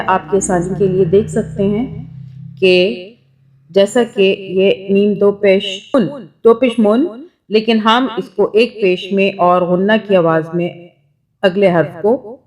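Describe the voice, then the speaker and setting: Woman from Pakistan, Quran teacher; steady mid pitch, patient, sounds out syllables one by one. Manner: patient, slow step-by-step explaining, sounding out syllables. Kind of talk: recorded Quran reading lesson.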